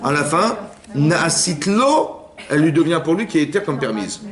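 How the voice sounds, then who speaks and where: A man, a rabbi, giving a Torah lesson in a lively way, acting out little inner dialogues and often checking that his listeners have understood. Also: fairly high pitch, fast talker, a crowd in the background. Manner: lively, acts out inner voices, keeps asking "vous avez compris?". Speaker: rabbi teaching a class.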